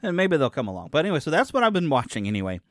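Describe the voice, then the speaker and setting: Racing along with huge swings in his higher-than-average pitch, this forty-something podcast host rambles through a casual solo chat, correcting himself and cracking self-deprecating jokes. The sound is studio quality with no room sound.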